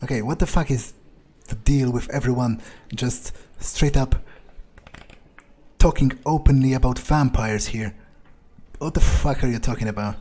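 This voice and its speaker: A man with a slightly mellow, mid-range voice role-plays his character during a video game playthrough, speaking at normal speed. He thinks aloud in a musing, hesitant, sardonic way, with faint game ambience in the background.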